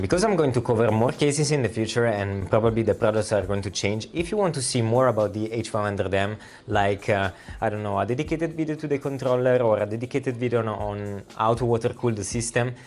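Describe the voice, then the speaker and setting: A man with an Italian accent presents a product to camera in a relaxed, chatty way. His voice sits a little low, and he walks viewers through each feature one step at a time. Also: brisk, few pauses. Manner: friendly, addresses viewers as guys, explains step by step. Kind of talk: casual product walkthrough.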